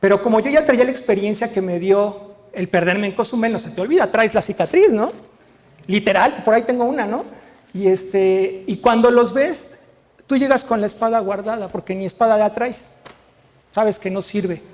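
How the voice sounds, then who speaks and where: High-voiced Mexican man telling stories. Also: normal speed, big-room sound. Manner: lively storyteller, acts out dialogue, frequent tag questions. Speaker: veterinarian giving a talk. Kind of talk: anecdotal lecture to an audience.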